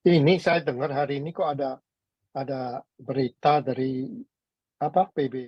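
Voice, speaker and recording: A man's voice: medium pitch, steady tone, moderate pace, husky, no echo, muffled recording. A man calling into a talk show, speaking casually and hesitantly, searching for words and mixing in English phrases. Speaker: caller. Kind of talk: casual call-in chat.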